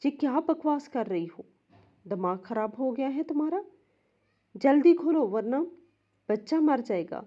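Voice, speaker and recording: A woman's voice: medium pitch, animated, long pauses, highs cut off, lightly acted. A woman voicing a stern, domineering older mother-in-law who scolds and commands harshly. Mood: angry.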